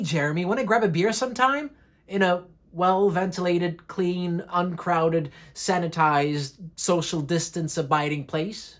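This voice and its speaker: A woman hosting a comedic explainer video, delivering facts with jokey asides in a lower voice. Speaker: host.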